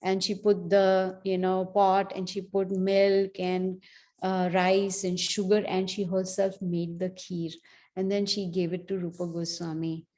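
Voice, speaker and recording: A woman's voice: on the low side, monotone, unhurried, mellow. A woman giving a scripture class, telling the story in a conversational way with many asides. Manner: conversational storytelling, frequent "you know". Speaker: class speaker.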